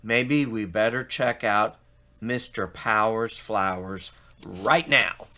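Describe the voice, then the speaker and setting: A man's voice: lowish voice, takes it slowly, sharp tone, slight background noise, heavily acted. A man reading a children's storybook, voicing a concerned, questioning female cartoon duck. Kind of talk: children's storybook read-aloud.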